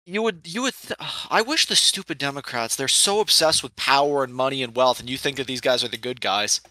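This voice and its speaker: Guy like a radio show caller ranting politics, quick and sharp, opinionated, cuts in a lot. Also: medium pitch, dry recording. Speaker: caller debating a streamer. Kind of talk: heated political debate.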